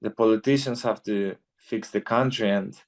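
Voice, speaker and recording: A man's voice: on the low side, steady tone, moderate pace. A man in his twenties from Greece, chatting easily as a guest in an interview and often adding "you know". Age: 20s. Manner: laid-back, peppers speech with "you know". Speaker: guest fighter. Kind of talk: casual interview chat.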